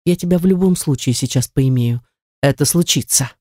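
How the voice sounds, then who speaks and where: Audiobook heavy: woman reader doing a snarling jealous young man, lowered voice, mellow and dry. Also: fairly quick, no room sound, close to an everyday voice. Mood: menacing. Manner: snarling, sneering. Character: menacing jealous young man, cruel and mocking.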